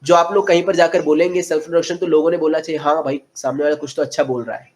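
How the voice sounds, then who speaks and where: A man in his twenties with an Indian accent teaching an online spoken English class. He switches between Hindi explanations and slow, carefully spaced English model sentences. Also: on the high side, steady tone, a little mellow. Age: 20s.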